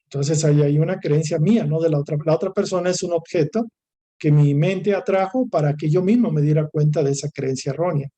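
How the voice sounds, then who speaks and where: A man's voice: fairly high pitch, fairly quick, warm tone. A man with a Mexican Spanish accent giving a recorded course lecture, talking in a discursive way that repeats, lists and restarts phrases. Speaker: course instructor.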